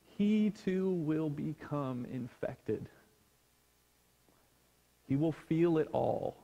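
A man preaching a sermon as a pastor, slow and hushed, sinking almost to a whisper on key words. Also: on the high side, lively intonation, long reverb tail, lo-fi sound. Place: church sanctuary.

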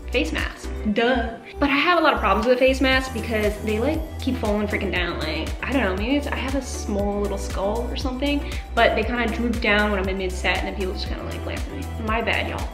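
A fitness vlogger in her twenties chats to camera from a bright indoor home kitchen, giving a bubbly, slangy rundown of what she brings to the gym. Her medium-pitched voice runs a little fast, with reverb and background music.

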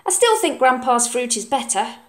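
A woman's voice: high-pitched, sing-song, moderate pace, pitched above the performer's own voice. A woman voicing a stubborn, sulky young boy in a storybook, drawing out words emphatically. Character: stubborn young boy proud of his grandpa.

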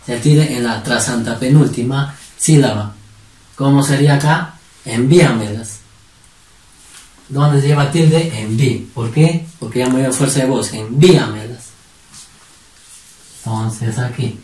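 A man's voice: mid-range voice, a little mellow. Man teaching from far off in a roomy space. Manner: asks questions and answers them himself; drills words syllable by syllable. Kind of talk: online spelling lesson. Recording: roomy sound from a distant mic.

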